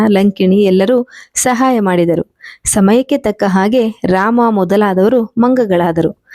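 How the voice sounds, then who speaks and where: A woman reading a humorous memoir-style story aloud in a lively storytelling manner. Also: mid-range voice. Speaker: audiobook reader.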